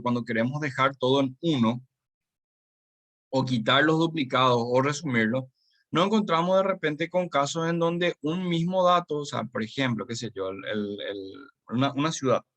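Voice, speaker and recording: A man's voice: medium pitch, moderate pace, fairly bright tone, no room sound. A man teaching a live online class as course instructor, talking in a chatty way with many fillers and tag questions.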